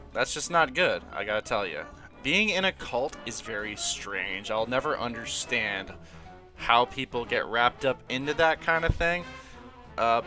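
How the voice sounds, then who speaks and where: Young guy recapping a game, chill slangy talk, bright voice, light music underneath. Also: medium pitch. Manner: laid-back, slangy, laughs often. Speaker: gaming channel host. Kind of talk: casual game commentary.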